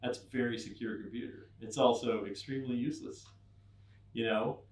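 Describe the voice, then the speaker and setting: A man's voice: medium pitch, fairly even intonation, brisk. A middle-aged man giving a humorous technical talk to an audience, acting out mock dialogues with a wry touch. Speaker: conference speaker. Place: event room with an audience. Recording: echoey room, mic at a distance.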